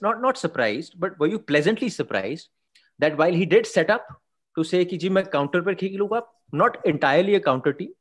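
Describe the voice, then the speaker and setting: A man with an Indian accent hosting a casual football talk, mixing Hindi into his speech. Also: a little high. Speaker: host interviewing a football pundit.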